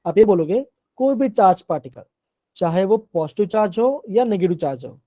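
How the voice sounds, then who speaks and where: A man's voice: high voice, lively intonation, moderate pace, dark tone, dry recording. A man teaching a class live online, often asking questions and repeating them, mixing terms into his sentences.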